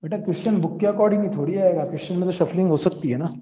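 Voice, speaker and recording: A male teacher with an Indian accent, giving an online class and urging his students to answer quickly, mixing Hindi with English. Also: high voice, warm tone, a little hiss or hum. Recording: dull echoey room sound.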